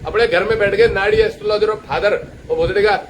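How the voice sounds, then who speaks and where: A man with a high voice gives a casual astrology lecture. He brags and swears freely, and he tells his stories with lively scorn. A faint noise sits under his voice. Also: brisk, poor audio. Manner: boastful, crude and swearing, telling anecdotes. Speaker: astrologer and teacher. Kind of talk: casual lecture-style monologue.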